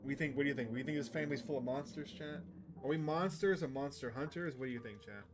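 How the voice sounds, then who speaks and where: A fast-talking man with a medium-pitched voice live streams a game, chatting with his viewers and reading the on-screen text aloud. He's chatty and keeps addressing the stream chat.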